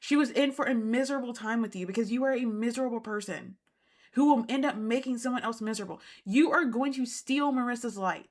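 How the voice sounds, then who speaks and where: A woman with a slightly high voice hosts a reality TV recap. She talks indignantly and emphatically and often repeats her points to drive them home. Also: a little fast. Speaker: host.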